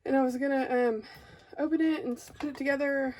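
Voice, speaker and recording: Speaking quickly in a high-pitched, slightly mellow voice with fairly even intonation, an Arkansas woman with a Southern accent hosts a craft unboxing. She's casual but a bit hesitant. The sound is dry and low-quality, coming from a phone clamped overhead.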